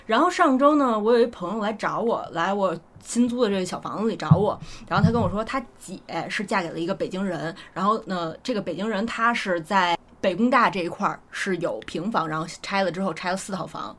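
A woman's voice: mid-range voice, brisk. A woman from Beijing with a Beijing accent, chatting casually as a podcast guest and often repeating her words. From Beijing, China. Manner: repeats short agreements and words. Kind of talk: casual conversational chat.

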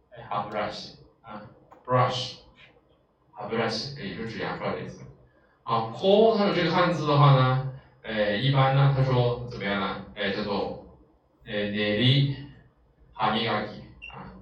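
Brief: male language teacher, low voice, distant dull lo-fi mic, very echoey room, faint room hum. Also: a bit bright. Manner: explains patiently, many filler "ah"s. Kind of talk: vocabulary lesson lecture.

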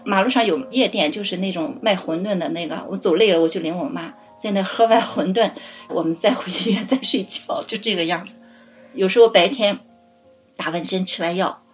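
爱笑健谈的中年女性. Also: female voice, medium pitch, a little fast, soft background music. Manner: lively, laughing often while recounting. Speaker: family caregiver guest. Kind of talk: casual interview storytelling.

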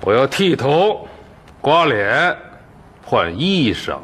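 An actor playing a bitter, proud captive in a period TV drama, blunt and demanding. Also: male voice, medium pitch, very animated, slow, a bit bright, slight background noise. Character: defiant, bitter crippled captive man bargaining proudly.

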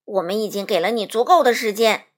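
A woman voicing an angry male tin woodman who speaks forcefully. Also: very high voice, lively intonation, moderate pace, pitched above the performer's own voice.

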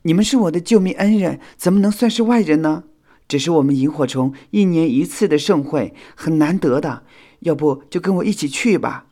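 A man's voice: high-pitched, expressive, a little fast, dark tone, voice pushed up. A man voicing a grateful, emotional young female firefly in a children's audio storybook, with a raised, pleading voice.

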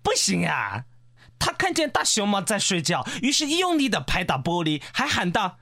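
A man's voice: high voice, wildly swooping pitch, normal speed, pushed and bright, exaggerated voice. A man voicing a chatty male monkey at a zoo who turns down human applicants.

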